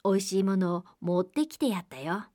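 A woman's voice: mid-range voice, brisk, dark tone, no room sound, studio quality, close to an everyday voice. A woman voicing a cunning, hungry wolf in a storybook reading, coaxing in a falsely sweet voice.

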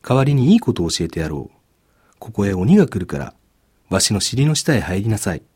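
Old stone guardian, male, grave and fatherly, low dark voice, read by a male narrator. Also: sing-song, a little fast, slightly rough. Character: kindly elderly male stone guardian statue.

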